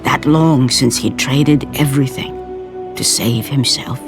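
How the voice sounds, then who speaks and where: A man giving grave, measured, scripted narration for a video game story. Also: mid-range voice. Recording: loud music score behind.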